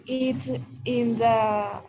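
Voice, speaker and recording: A woman student in an online English class, answering hesitantly with pauses and fillers over a video call. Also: on the high side, fairly even intonation, darkish tone, husky, low-quality recording.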